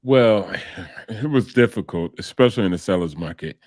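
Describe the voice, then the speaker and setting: Man, low voice, casual interview guest, lively storytelling, dry close sound. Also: normal speed, dry recording. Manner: animated storytelling, acts out quoted voices with laughs. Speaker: interview guest, combat veteran in real estate.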